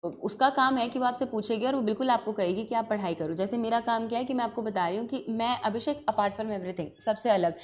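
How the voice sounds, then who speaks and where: A woman's voice: fairly high pitch, brisk, hardly any pauses. A woman law teacher, talking earnestly to her class and mixing Hindi with English, stern but caring. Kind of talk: classroom talk to students.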